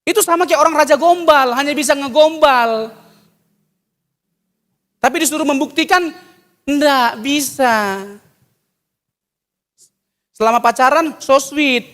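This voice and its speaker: A man preaching a sermon, animated, jumping from loud exclamations to soft asides and mimicking people for laughs. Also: very high-pitched, a little slow, pauses often. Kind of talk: sermon with jokes. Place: church hall. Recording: long church hall reverb.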